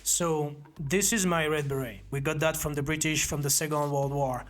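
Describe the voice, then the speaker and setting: Man, forties, former officer, earnest, measured, presenting to camera. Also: on the high side, soft background music. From Belgium. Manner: earnest, steady, measured delivery. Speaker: founder of a self-defense academy, former army officer. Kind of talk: presenting to camera, personal story.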